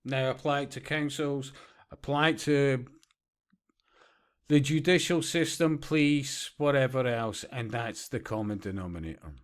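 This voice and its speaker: A man's voice: mid-range voice, measured pace. A man giving profane, sarcastic commentary, often breaking into laughter. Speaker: vlogger. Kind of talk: ranting commentary.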